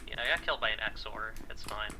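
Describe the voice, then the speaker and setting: A man's voice: on the low side, fast, bright, forceful tone, slight background noise. A man in casual gaming chat with friends, laid-back and wry about his mistakes. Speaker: co-op game player.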